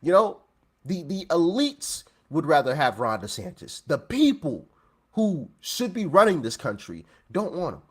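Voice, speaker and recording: A man's voice: a little high, very animated, unhurried, slightly rough. A man hosting a casual vlog, talking animatedly and laughing between points while he reacts to clips. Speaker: vlog host. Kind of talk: casual commentary.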